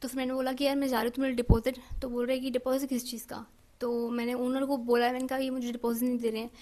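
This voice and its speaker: A woman's voice: high-pitched, little pitch movement, quick pace, warm tone. A young woman vlogger from India tells a personal story with emotion, full of fillers, restarts and English words mixed in. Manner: emotional, frequent fillers and self-corrections, mixing in English words.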